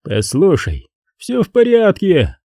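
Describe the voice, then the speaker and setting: A shaken submarine pilot speaks with forced, soothing calm, as a male reader voices him. The voice is low-toned, mellow and husky, with a lively pitch, recorded dry and close. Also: takes it slowly, no echo, exaggerated voice.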